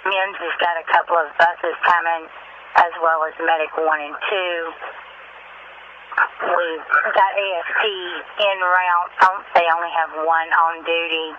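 Male police radio dispatcher, businesslike, monotone, slightly dull scanner audio with light noise. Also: a little high, moderate pace. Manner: businesslike, terse reporting. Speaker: emergency dispatcher. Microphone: two-way radio. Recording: muffled, lightly humming emergency scanner radio.

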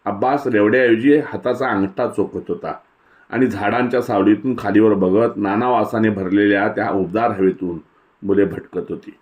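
A man's voice: on the low side, fairly even intonation, darkish tone. Man reading a literary story aloud. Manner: measured, descriptive storytelling. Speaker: story reader.

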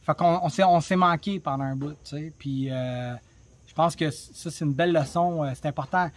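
A man with a Québécois French accent hosts a travel podcast, telling his story in a chatty, blunt, heavily profane way. His voice sits fairly high and moves at a normal speed, recorded dry on a phone, in a casual storytelling monologue.

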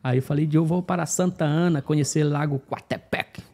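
A man's voice: on the high side, brisk, mellow. A man with a Brazilian accent telling a story casually on a podcast, animatedly acting out the dialogue with the officials. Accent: Brazilian Portuguese. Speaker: guest telling his migration story.

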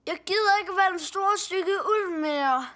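Bing, a bright little bunny boy. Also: very high-pitched. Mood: sulky. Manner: childlike, earnest, sulky when upset. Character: small cheerful bunny preschooler boy. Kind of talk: cartoon dubbing.

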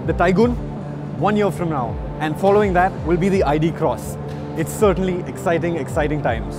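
A man in his thirties walks viewers through new cars at a big indoor auto show, upbeat and explanatory. His voice sits a little high. Loud music plays behind him. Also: moderate pace. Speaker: motoring journalist presenter. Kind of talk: presenting a car show walkaround.

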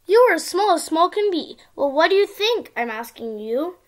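A young girl with a high, childlike voice reads a picture book aloud to little kids. Her delivery is expressive and sing-song, in the manner of a storytime for small children. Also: moderate pace. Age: child, around ten. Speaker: young video channel host reading a picture book. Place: small indoor room at home.

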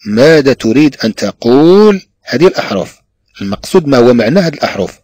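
Moroccan-accented male teacher, dry close sound, animated delivery, patient repetition. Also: medium pitch, slightly rough, no room sound. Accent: Moroccan Arabic. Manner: repeats each phrase slowly, switching between Arabic and French. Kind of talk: classroom lesson on French dictionary use.

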